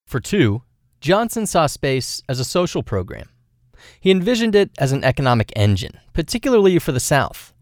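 A man's voice: fairly high pitch, sing-song, moderate pace, no room sound. Dry studio radio reporter, a man. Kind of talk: scripted news feature narration.

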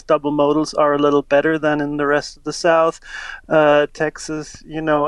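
A man, a linguistics professor, explaining slowly and carefully on a radio interview, with frequent fillers. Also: fairly high pitch, dry recording. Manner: measured, explanatory, hesitant fillers.

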